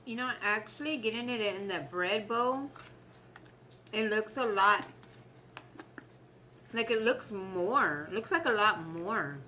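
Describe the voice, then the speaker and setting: A woman's voice: mid-range voice, slow pace, long pauses, sharp tone, slight background noise. A woman chatting casually to the camera while eating, exclaiming and complaining in a chatty way. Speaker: mukbang vlogger.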